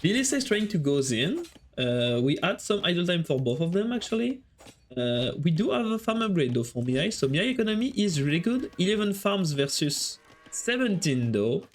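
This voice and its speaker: Casting a strategy game live, this French-accented man keeps up a chatty back-and-forth with his viewers, responding to chat between plays. He speaks at a moderate pace in a high-pitched, very animated voice.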